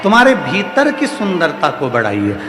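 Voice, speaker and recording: An Indian kathavachak preacher delivers a devotional sermon to a live audience, hammering his points home with emphatic, repeated refrains. His slightly high voice swoops wildly in pitch at normal speed, amid background noise in a roomy, reverberant hall with faint music behind.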